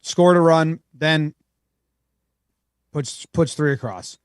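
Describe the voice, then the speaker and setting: A man's voice: fairly high pitch, takes it slowly, clear, resonant tone, no room sound, studio quality. A man co-hosting a podcast, chatting casually and playfully about baseball. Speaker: podcast co-host. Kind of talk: casual sports chat.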